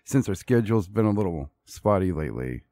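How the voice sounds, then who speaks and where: A man co-hosting a podcast in casual chat, his voice hoarse and nasal from illness, joking and laughing often. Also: sits low, big pitch swings, fairly quick, mellow, no room sound. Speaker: podcast co-host.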